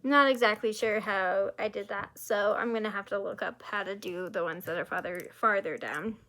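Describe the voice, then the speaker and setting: A woman's voice: medium pitch, moderate pace, sharp tone. A woman vlogging at home in a casual, rambling way, often using "like" as a filler while she chats about her crafting. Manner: rambling, chatty, many "like" fillers. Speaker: crochet vlogger. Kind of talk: casual vlog chat.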